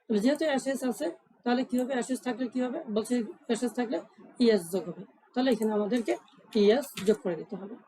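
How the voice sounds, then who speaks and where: A woman's voice: fairly high pitch, a little fast, warm tone, rough recording. A woman teaching English grammar in a tutorial lesson, asking herself questions and answering them, repeating each rule.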